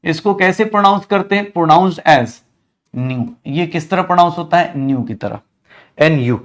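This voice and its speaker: High-voiced man teaching a lecture. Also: moderate pace. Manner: repeats questions to the class and answers them himself; mixes English science terms into Hindi. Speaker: chemistry teacher. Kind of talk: online lecture.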